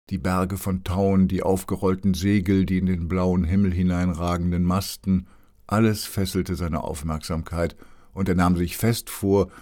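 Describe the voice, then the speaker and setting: Deep-voiced male storybook narrator. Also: a little mellow.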